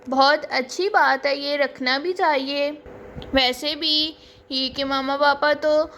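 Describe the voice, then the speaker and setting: A woman's voice: high voice, fairly even intonation, slow, a bit bright, a little hiss or hum, heavily acted. A woman voicing a chatty, fussing young woman doll who acts like a big sister. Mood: warm.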